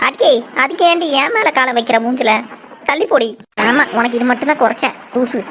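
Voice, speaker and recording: A woman voicing shrill, bossy village woman Alamelu. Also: fairly quick, lightly acted. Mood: scolding. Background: music.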